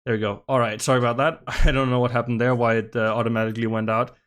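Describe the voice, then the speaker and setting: A man commentating a live-streamed game match, slightly out of breath, talking in halting bursts with many restarts and asides to his chat. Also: mid-range voice, level tone, fairly bright tone. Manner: halting, many restarts and laughs, chats with viewers. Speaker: esports commentator.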